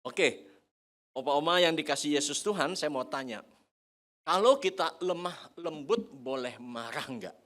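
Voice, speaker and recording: An older man preaching a sermon to seniors in a church hall, lively and joking, often quizzing the congregation. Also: on the high side, unhurried. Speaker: pastor.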